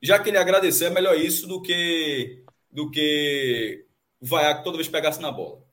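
A man from Brazil, arguing football on a sports talk show, animated and insistent. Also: fairly high pitch, moderate pace. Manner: argumentative, animated, repeats "veja só". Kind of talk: heated casual football debate.

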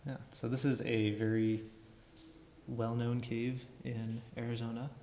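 A man's voice: medium pitch, little pitch movement, measured pace, warm tone, a little hiss or hum. Guy doing a casual podcast interview in a cave, lots of echo, kinda muffled recording. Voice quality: echoing cave sound. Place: big underground cave room. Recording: echoey cave, long reverb, dull sound.

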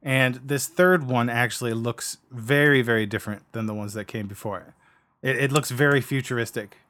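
An animated, opinionated man talking games on a casual podcast. His voice sits at an ordinary middle pitch, and he often trips over and restarts his phrases as he argues a point. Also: normal speed. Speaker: podcast host. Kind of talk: casual gaming podcast chat.

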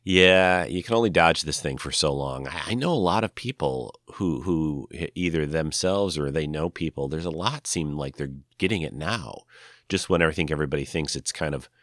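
An older man with a very deep voice hosts a casual podcast on his own. He sounds nasal, congested and worn out with a cold, and he rambles with frequent hesitations. The recording is dry, with little room sound. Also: fairly bright tone, no room sound. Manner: halting, rambling. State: sick with a cold, tired. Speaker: podcast host. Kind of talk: casual solo podcast talk.

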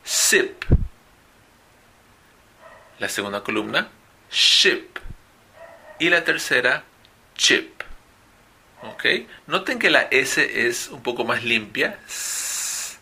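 A man teaching English pronunciation in a recorded lesson, modeling sounds slowly and clearly. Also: medium pitch, big pitch swings, sharp tone.

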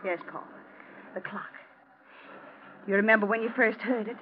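In a muffled, noisy old-time radio thriller, an actress plays a vengeful wife coldly taunting her murderous husband with theatrical, deliberate, mocking menace. Her mid-range voice is close to an everyday one, with loud music behind it.

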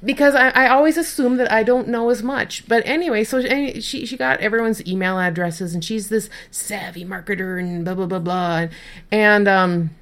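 A woman's voice: mid-range voice, moderate pace, fairly bright tone. A woman co-hosting a podcast in casual chat, telling a self-deprecating story and often repeating words as she starts a sentence. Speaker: podcast co-host.

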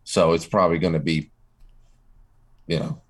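A man's voice: low-pitched, steady tone, normal speed. A man co-hosting a casual political talk show, stammering and restarting as he gets worked up. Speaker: podcast co-host.

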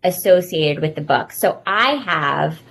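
A woman's voice: low voice, animated, unhurried, gravelly, fairly bright tone, a little hiss or hum, poor audio. Chatty thirties woman hosting a podcast. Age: 30s. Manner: chatty, nostalgic storytelling. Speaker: podcast host. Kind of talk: casual podcast chat.

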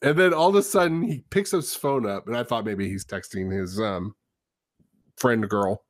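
A man co-hosting a podcast, telling a rambling, animated story about his kid with lots of restarts. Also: fairly low pitch, normal speed, no echo, clean studio sound. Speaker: podcast co-host; father. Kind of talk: casual podcast chat.

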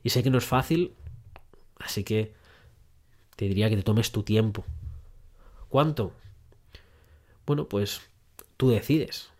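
A man's voice: lowish voice, a little slow, long pauses, a little mellow. A man hosting a podcast who gives relationship advice, speaking directly to the listener with repeated phrases for emphasis. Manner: direct second-person address, repetitive emphasis. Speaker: podcast host.

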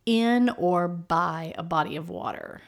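A woman co-hosting a casual chat, teasing and quick with wry quips. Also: fairly low pitch. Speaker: podcast co-host. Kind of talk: casual chat about a reality dating show.

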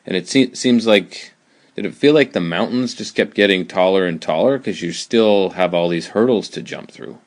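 A man's voice: low-pitched, moderate pace. A man interviewing a guest, asking long, empathetic questions.

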